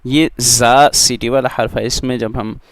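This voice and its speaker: A man teaching Quran letter sounds in a lesson, stretching out each syllable and repeating letters loudly for learners to follow. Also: medium pitch, steady tone, measured pace, no room sound. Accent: Urdu-speaking. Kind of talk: slow recitation lesson.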